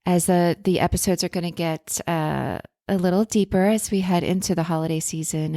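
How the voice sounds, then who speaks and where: A woman's voice: fairly low pitch, dark tone, no echo, clean studio sound. A woman hosting a podcast in a self-help influencer style, speaking casually and earnestly with spiritual encouragement and affirmations.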